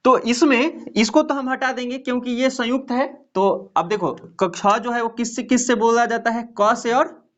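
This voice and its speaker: A man's voice: very high voice, steady tone, moderate pace, highs cut off. A man teaching a Hindi grammar lesson to students, patiently asking the class rhetorical questions as he explains.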